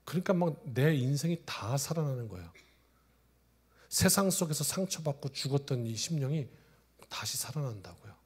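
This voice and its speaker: A male pastor in his forties preaching a sermon, telling stories, swinging from loud exclamations to hushed asides. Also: medium pitch, expressive, normal speed, slightly rough. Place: church sanctuary.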